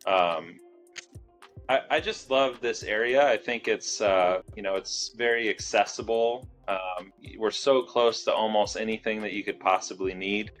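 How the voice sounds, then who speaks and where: A man with a fairly low voice talks loosely and easily as an interview guest, leaning on fillers as he goes. Faint music sits under his voice. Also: a little slow. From Southern California. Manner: relaxed, many fillers. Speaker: fitness studio owner, guest. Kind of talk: casual interview.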